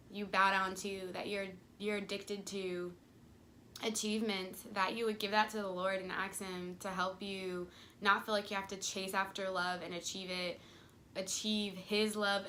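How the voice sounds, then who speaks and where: A woman's voice: mid-range voice, a bit bright, slight background noise. A young woman talking earnestly to camera about her faith, chatty and casual, acting out little quoted voices as she goes. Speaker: faith vlogger. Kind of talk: casual devotional talk to camera.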